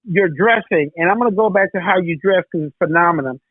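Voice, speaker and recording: A woman's voice: lowish voice, fast, husky, no echo. A woman hosting an interview in a casual chat, giving compliments and asking long, rambling questions. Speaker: interview host. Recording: dry phone-like line.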